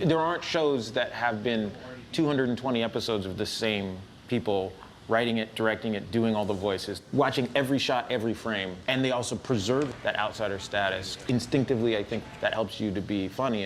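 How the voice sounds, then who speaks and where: A man's voice: lowish voice, slight background noise. A man being interviewed, speaking thoughtfully with a wry edge. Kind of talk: interview commentary.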